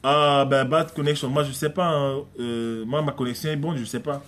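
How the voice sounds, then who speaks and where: A pastor with a mid-range, fairly bright voice preaches a conversational sermon live-streamed from home, speaking at normal speed with fairly even intonation. He is emphatic and repetitive and often acts out prayers and little dialogues.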